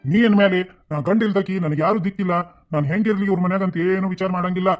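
A kind, protective village landlord, voiced by a man in a cartoon, who reassures earnestly in a North Karnataka Kannada accent. He talks at a quick pace, and faint music plays under him. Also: sits high, close to an everyday voice. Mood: reassuring.

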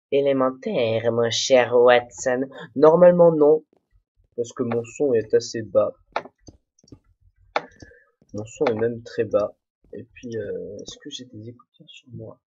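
A man's voice: medium pitch, slow, long pauses, warm tone, breathy edge. A young man, the host of a game let's play, rambling to himself and joking at his own expense while playing. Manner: rambling, self-mocking, talks to himself. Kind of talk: casual solo gameplay commentary. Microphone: desk microphone, no headphones. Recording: dull, muffled home recording.

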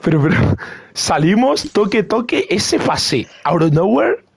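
A young man streams a football game with friends, talking nonstop in excitable, repetitive bursts. His voice is husky and gravelly, sitting a little high, and it swings widely up and down as he reacts. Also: measured pace. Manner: excitable running commentary on his own play, repeating words. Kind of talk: live gaming stream chat with friends.

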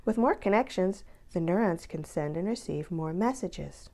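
Reading a picture book aloud for children, a counselor gives expressive narration with very lively intonation. Her slightly low voice has a gravelly creak, and she reads deliberately, elongating important words to emphasize them.

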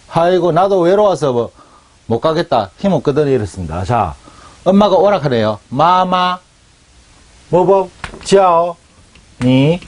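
A middle-aged male teacher giving a casual lecture, his voice lively, bouncing up and down in pitch. He talks in a chatty, joking way and keeps checking for agreement. His voice sits a little high for a man. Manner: chatty, animated, asks for agreement. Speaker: Chinese language teacher.

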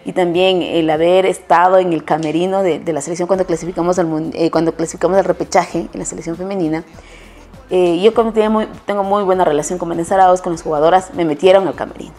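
Speaking with an Ecuadorian Spanish accent, this female sports journalist chats through an interview and shares anecdotes, frequently starting over and fixing her words. She has a lowish, somewhat mellow voice.

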